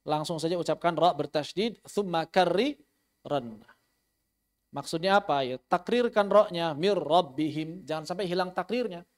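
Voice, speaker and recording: High-voiced man teaching tajweed. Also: normal speed. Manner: explains patiently, repeats key terms, demonstrates recitation. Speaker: Quran recitation teacher. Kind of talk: online tajweed lesson.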